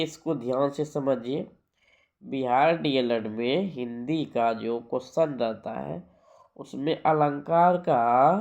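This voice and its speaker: A man's voice: fairly high pitch, darkish tone, muffled recording. A man teaching a grammar lesson for an exam, repeating key points and asking rhetorical questions.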